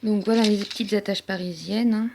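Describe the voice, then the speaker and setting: Chatty woman with a gravelly voice. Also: mid-range voice, fairly even intonation, brisk, background noise. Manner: chatty, hesitant with many fillers. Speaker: crafting vlogger. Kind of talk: casual haul show-and-tell. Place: at home.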